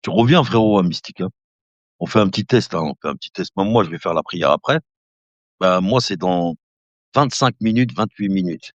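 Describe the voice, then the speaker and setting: A man in his fifties with a deep voice talks fairly quickly on a casual live stream, calling viewers brother, rambling and laughing easily. The dull, lo-fi recording is dry, with no room sound.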